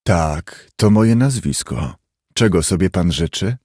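A man putting on a hoarse, sinister little man. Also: lowish voice, big pitch swings, unhurried, darkish tone, no room sound, studio quality, exaggerated voice. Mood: guarded. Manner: curt, guarded, with flashes of anger. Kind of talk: audiobook character voice.

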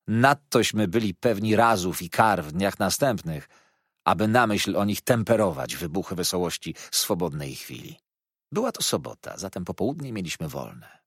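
A man reading a classic novel aloud as an audiobook narrator, with expressive storytelling. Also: deep voice, husky, no room sound, clean studio sound.

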